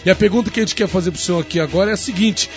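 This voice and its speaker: Man, brazilian accent, radio host, high pitched, formal devotional delivery, dull broadcast with faint music. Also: rapid-fire. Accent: Brazilian Portuguese. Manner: formal, devotional, reads listener greetings. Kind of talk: radio interview hosting.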